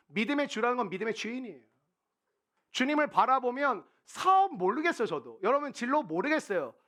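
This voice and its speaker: A man preaching a conversational sermon as a pastor, acting out the quotes he tells. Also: extremely high pitch. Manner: conversational, animated, acts out quotes. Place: church sanctuary.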